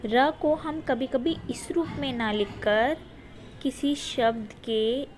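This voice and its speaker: A woman teacher giving a recorded lesson to young children, speaking slowly and patiently and repeating words for the pupils. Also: high voice, a little mellow, slight background noise.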